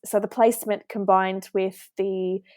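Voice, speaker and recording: A woman in her twenties from New Zealand, a pharmacist appearing as a podcast guest, tells her story warmly with some filler words. Her mid-range voice barely moves in pitch, runs a little slow and has a darkish tone. There is no echo on the recording.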